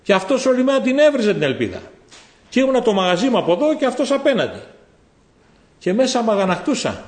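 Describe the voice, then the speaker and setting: A man preaching a sermon, telling a story and swinging between loud exhortation and low, quiet asides. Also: very animated. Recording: echoey hall.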